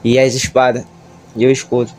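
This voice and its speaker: A nervous man with a Brazilian Portuguese accent gives an emotional church testimony. He halts and stammers often. His voice is mellow and dark, and it stays level, with soft music far behind him. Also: medium pitch, flat delivery. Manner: halting, stammering, emotional retelling. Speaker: church member giving testimony.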